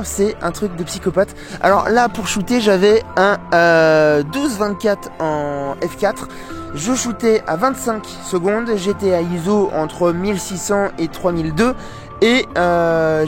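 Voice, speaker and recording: A young man talks as a travel photography vlogger. His delivery is casual and full of informal youth slang. Clear music plays behind his voice. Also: high voice, unhurried. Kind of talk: casual vlog narration.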